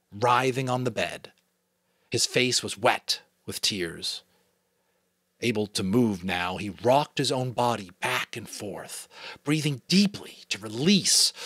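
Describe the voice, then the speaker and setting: A man with a medium-pitched, breathy-edged voice gives an animated, dramatic audiobook reading, dropping in casual remarks along the way. He's an adult and a father with a New England American accent, recorded at studio quality with no room sound.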